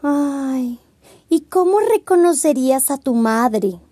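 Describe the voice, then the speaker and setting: A man reading a storybook aloud, voicing a kind, motherly female bear who speaks gently. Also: very high voice, expressive, slow pace, no room sound, studio quality, voice pushed up, full character voice. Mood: gentle. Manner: gentle, warm, playful.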